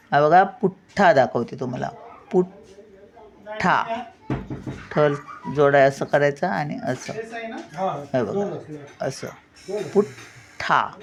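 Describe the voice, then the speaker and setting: An older woman with a Marathi accent, teaching children to read and say each word slowly and carefully, repeating every word. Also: sits low. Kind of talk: reading lesson for children.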